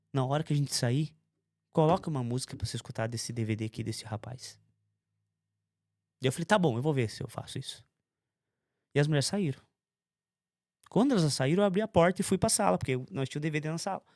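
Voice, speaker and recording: In a conversational interview, a man tells his testimony with intensity, acting out other people's words in quoted voices. His medium-pitched voice is recorded dry, with clean studio sound.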